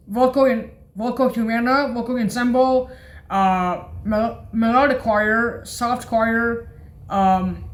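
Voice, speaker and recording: In an informal tutorial, a woman with a voice on the high side demonstrates keyboard sound presets. She speaks haltingly, lists items, and frequently corrects herself.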